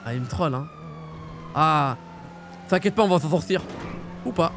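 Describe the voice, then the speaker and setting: A man roleplaying a small-time crook in a video game, excitable and teasing, barking orders. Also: on the high side, moderate pace, background noise. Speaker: streamer playing a small-time criminal.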